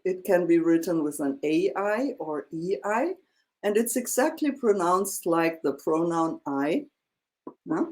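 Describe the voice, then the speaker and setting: A woman teaching a one-on-one language lesson, explaining slowly with many fillers and checking in with "yeah?". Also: on the low side, animated, a little mellow. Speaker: German teacher.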